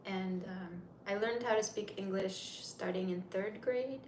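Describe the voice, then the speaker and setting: A 30-year-old woman from Turkey, a native Turkish speaker, runs a casual livestream in English, chatting and rambling as she answers viewers. Her medium-pitched voice is unhurried and darkish in tone, and the echoey room has faint noise.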